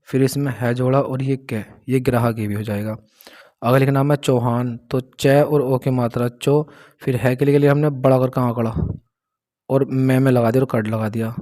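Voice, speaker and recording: A man's voice: medium pitch, warm tone. A man teaching a shorthand class, patiently explaining each stroke and answering his own questions. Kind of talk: explaining a lesson step by step.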